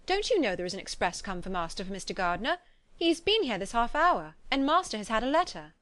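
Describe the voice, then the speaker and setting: A woman's voice: on the high side, expressive, quick pace, fairly bright tone, dry recording. Woman reading a flustered, deferential housekeeper.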